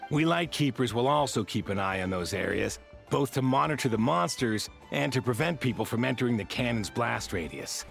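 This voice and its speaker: Calm guy watchman in a game, gravelly, measured, reserved. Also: mid-range voice, faint music behind. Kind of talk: video game voice acting.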